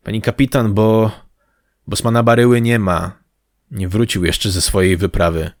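A man plays a shaken young crewman in an audiobook, his voice raised a little and halting. He reports in distress. The sound is dry and close. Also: fairly low pitch, little pitch movement, no echo, lightly acted.

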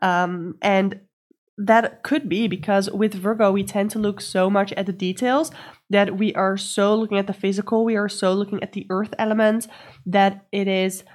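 A woman hosting a tarot and astrology podcast, sounding nasal and stuffed up from a cold, explaining in a gentle, earnest way with some ums. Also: medium pitch, steady tone, moderate pace. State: sick with a stuffy nose. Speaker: podcast host and tarot reader. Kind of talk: casual podcast guidance talk.

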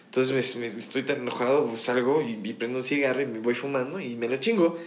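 A young Mexican man talks fast, rambling through a story in crude slang and restarting his sentences. His voice sits in an echoey room with a faint hiss underneath. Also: medium pitch. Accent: Mexican Spanish. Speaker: podcast co-host. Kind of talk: casual storytelling chat.

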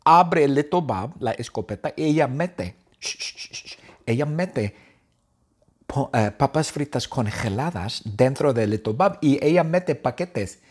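A man telling a silly story in slow, simple, repetitive phrases, with sound effects and exclamations. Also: mid-range voice, animated, a little mellow, slightly rough. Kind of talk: comic storytelling for learners.

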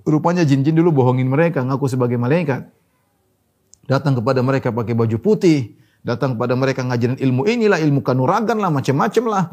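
A man preaching an Islamic sermon in a rapid, animated way, slowing down to chant verses. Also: mid-range voice.

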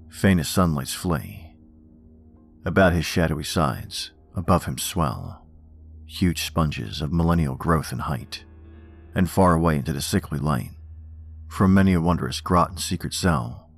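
Very deep-voiced man narrating horror. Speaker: horror podcast host. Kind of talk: scripted narration of horror stories and poems.

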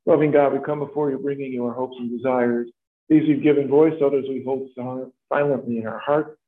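Priest with cathedral echo, tinny sound. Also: male voice, medium pitch, fairly even intonation. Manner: measured, formal liturgical delivery. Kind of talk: leading Mass prayers. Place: large church. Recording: echoey church, tinny lo-fi sound.

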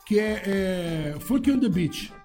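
A man's voice: high-pitched, lively intonation, slow, dark tone, faint music behind. A man, a DJ, chatting casually on a podcast, loose and laughing, swearing freely as he tells stories. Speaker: DJ guest.

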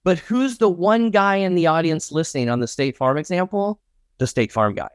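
A man's voice: expressive, moderate pace, smooth, no room sound. Upbeat middle-aged man, dry close sound. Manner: enthusiastic, punchy, acts out his own pitches. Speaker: networking expert guest. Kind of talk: energetic interview talk.

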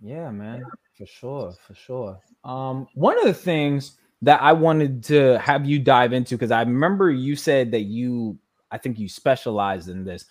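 A man's voice: mid-range voice, animated, a little slow. A man hosts a casual interview in a loose, conversational way. His talk is full of fillers and friendly asides. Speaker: host.

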